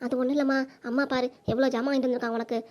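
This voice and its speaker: A woman's voice: sits high, little pitch movement, rapid-fire, darkish tone, natural voice. A woman voicing a kind middle-aged mother-in-law with a southern Tamil accent, coaxing and persuasive. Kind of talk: cartoon voice acting.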